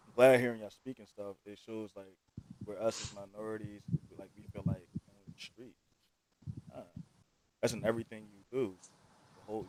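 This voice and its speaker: A man calling into a live stream on his phone, holding it away from his mouth so his voice comes through quiet and fading, talking casually with lots of fillers and restarts. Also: on the low side, slight background noise, rough recording. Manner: rambling, many fillers and restarts. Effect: phone held away from the mouth, quiet and fading in and out. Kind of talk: casual chat.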